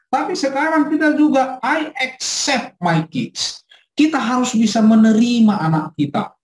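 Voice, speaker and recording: A middle-aged man, a pastor, teaching a parenting class in a lively way and acting out quotes from his child. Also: a little high. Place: church hall. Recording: echoey room.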